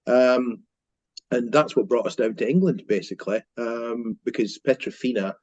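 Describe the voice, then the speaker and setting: In a dry, muffled recording, a mortgage broker from Scotland in his fifties recounts his career in a relaxed business interview. He speaks at a moderate pace in a mid-range, slightly mellow voice. Fillers and restarts crop up throughout, giving him a hesitant manner.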